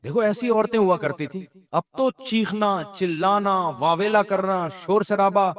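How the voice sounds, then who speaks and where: Male preacher, fairly high voice, humorous sermon, rhetorical questions. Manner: humorous, jokes with audience; asks questions and answers them himself. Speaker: religious preacher. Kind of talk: Islamic sermon.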